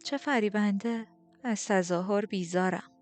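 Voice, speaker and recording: A woman voicing a condescending queen who speaks slowly and mockingly, in an audiobook over faint music. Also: mid-range voice, natural voice. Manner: slow, drawn-out, mocking. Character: haughty, condescending queen, middle-aged woman.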